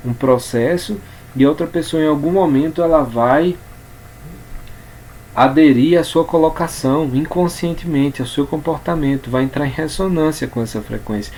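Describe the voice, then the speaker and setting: A man with a Brazilian Portuguese accent giving an informal spoken lesson on communication, unhurried and repeating words as he explains. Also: a little high, a little mellow, slight background noise. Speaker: communication coach.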